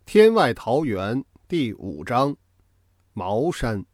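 A male storyteller reads a novel aloud with dramatic, expressive flair. His pitch swings widely as the tension builds and falls. The recording is dry and close, with no room echo. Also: slow pace. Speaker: audiobook narrator. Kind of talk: scripted storytelling narration.

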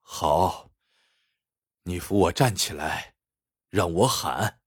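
A man voicing an injured, defiant young bone-setter's apprentice who calls out loudly, in a husky voice. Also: sits low, slow, no room sound, clean studio sound, voice pushed down, exaggerated voice.

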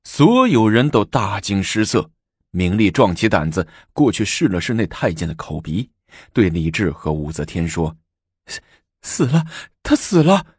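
A male storyteller reads a storybook tale with dramatic, lively pitch. His voice is husky and recorded close in a dry room. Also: moderate pace, no echo. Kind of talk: storybook narration.

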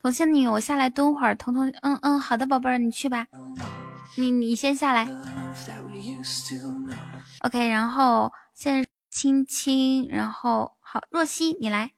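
A woman's voice: high voice, steady tone, measured pace, vocal fry, long pauses, soft background music. A woman hosting a live stream, chatting playfully, repeating herself and laughing often. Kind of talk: casual live-stream chat.

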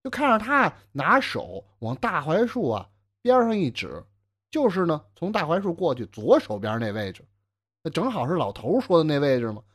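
Give me a lively man narrating a traditional pinghua tale, with a very expressive pitch. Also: normal speed. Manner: lively and conversational, with frequent interjections. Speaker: storyteller. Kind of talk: traditional Chinese pinghua storytelling.

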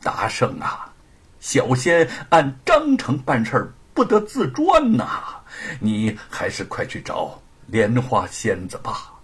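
A fretful male king of the underworld, voiced by a man, stammers and drags out his words in a storybook. His voice sits high, breathy and husky. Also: huge pitch swings, a bit bright, exaggerated voice. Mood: nervous. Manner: stammering, nervous and slow.

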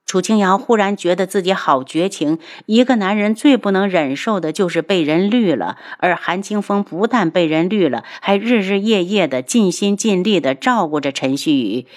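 A woman narrating a web novel audiobook in a steady storytelling read. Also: mid-range voice, moderate pace, few pauses.

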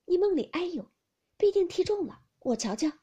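A woman's voice: very high voice, sing-song, normal speed, dark tone, lo-fi sound, voice pushed up. A woman reading aloud, voicing a spoiled, hot-tempered young nobleman who scolds petulantly. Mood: worried. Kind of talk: storybook reading.

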